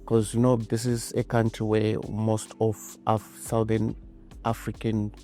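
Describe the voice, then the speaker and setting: A man hosting a podcast interview, hesitant, filling pauses with "um" and repeating "I see". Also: on the low side, completely flat delivery, warm tone, soft background music. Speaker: podcast host. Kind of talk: casual interview.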